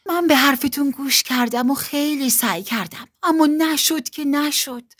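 A woman's voice: high voice, animated, fairly bright tone, voice pushed up. A woman voicing Betty Bunny, a determined little girl rabbit, in a storybook reading, sounding whiny and pleading.

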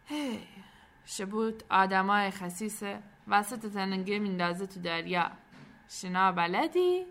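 A woman voicing a stern boat captain who shouts loudly. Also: medium pitch, animated. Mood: gruff. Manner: barking loud commands.

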